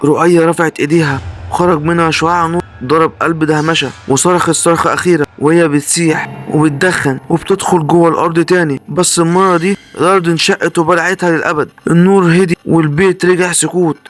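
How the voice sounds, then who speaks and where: A man's voice: fairly high pitch, steady tone, quick pace. A man with an Egyptian Arabic accent narrating a horror story in a dramatic, suspenseful style. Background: faint music.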